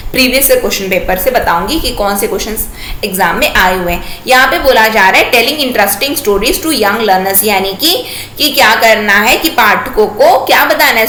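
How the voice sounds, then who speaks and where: A woman teacher delivers an exam-prep lecture in a high, bright voice. She repeats her points and keeps asking rhetorical check questions. The room sounds echoey, with faint background noise.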